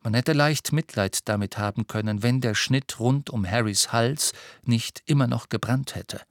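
A man reading an audiobook in a measured, expressive way. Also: mid-range voice, no echo, studio quality. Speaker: audiobook narrator. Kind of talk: scripted narration.

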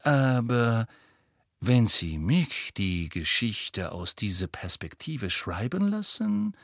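A man voicing a sharp, scheming female tabloid reporter with a pushy, insinuating manner. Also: medium pitch, big pitch swings, slow pace, no echo, full character voice. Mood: cool. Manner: pushy, insinuating, then breathy and honeyed.

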